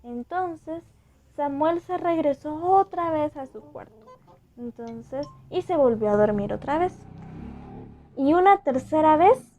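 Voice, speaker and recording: A woman teaching a children's Bible lesson in a gentle storytelling way. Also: sits high.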